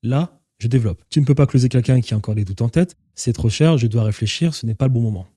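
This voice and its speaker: A man's voice: mid-range voice, fast talker, dark tone, no echo, studio quality. A man teaching an online course as a business coach, speaking directly to viewers and laying out steps in short, clipped phrases. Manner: direct, instructive, addresses viewers as "vous".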